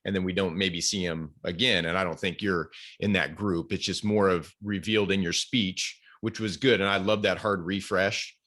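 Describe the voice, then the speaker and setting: A man's voice: low voice, steady tone, normal speed, few pauses, bright, forceful tone. A man giving upbeat, rambling feedback on a speech over a video call, with lots of restarts. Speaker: speech evaluator. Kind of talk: casual spoken feedback in an online club meeting. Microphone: computer mic on a video call.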